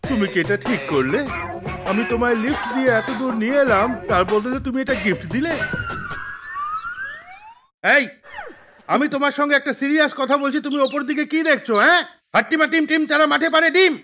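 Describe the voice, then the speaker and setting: An actor plays an excitable comic man in a dubbed film. His voice is strikingly high, boastful and easily flustered. Music runs clearly behind him. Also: brisk, long pauses. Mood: indignant. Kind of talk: dubbed film comedy acting.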